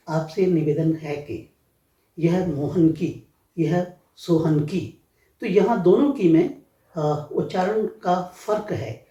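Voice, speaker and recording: A man who teaches Hindi, explaining pronunciation in an interview and spelling out sounds one by one in a measured way. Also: fairly high pitch, warm tone, reverberant, recorded from a distance, lo-fi sound.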